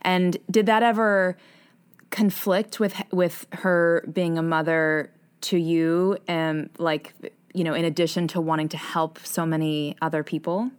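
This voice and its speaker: A woman's voice: on the low side, flat delivery, unhurried, clear, resonant tone. A woman hosting an interview, asking long, winding questions in an attentive way. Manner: attentive, with frequent backchannel murmurs. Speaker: host. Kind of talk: conversational interview.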